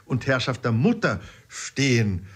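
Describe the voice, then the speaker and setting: A man's voice: medium pitch, big pitch swings, a little slow, husky. A man reading an audiobook, voicing a pompous, learned older father who lectures emphatically. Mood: lecturing.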